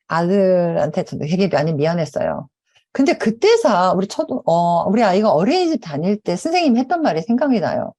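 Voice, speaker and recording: A middle-aged woman talks to a conference audience, acting out the people in her stories. Her voice is a little low and warm, and it rises and falls a lot. She tells her stories with animation. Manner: animated storytelling with acted quotes. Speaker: conference speaker. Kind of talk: conference talk. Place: conference hall.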